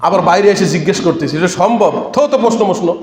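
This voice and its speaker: High-voiced man preaching in an echoey hall. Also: fast. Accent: Bangladeshi Bengali. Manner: lively storytelling, prompting audience responses. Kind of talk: sermon. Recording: echoey PA sound at a religious gathering.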